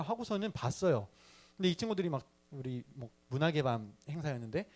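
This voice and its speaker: A man's voice: medium pitch, darkish tone. A young man telling his personal faith story in a sermon to a youth service, chatty and playful with the audience. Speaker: youth ministry speaker.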